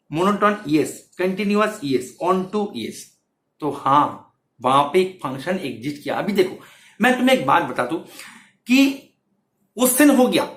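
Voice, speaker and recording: A man with a high, somewhat bright voice gives an exam-prep maths lecture, repeating phrases as he explains and checking in with students constantly. The sound is roomy and echoey.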